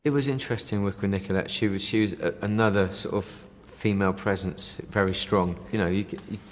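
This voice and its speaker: A band member being interviewed chats casually in a lowish voice with fairly even intonation, talking fast in what sounds like a big room. He rambles, uses lots of fillers, and drops "you know" and the odd "mate".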